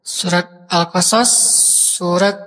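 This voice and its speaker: A man's voice: high-pitched, slow. A man preaching a sermon, telling stories casually and acting out the quoted voices with feeling. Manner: casual Indonesian preaching with lively acted quotes. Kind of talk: sermon storytelling. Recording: long hall reverb.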